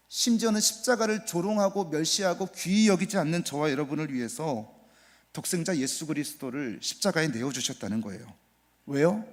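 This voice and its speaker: Preaching a Sunday sermon as pastor, a man with a fairly high voice builds to loud, emphatic repetitions, then drops to soft, near-whispered asides and puts rhetorical questions to the congregation. Long reverb fills the church sanctuary.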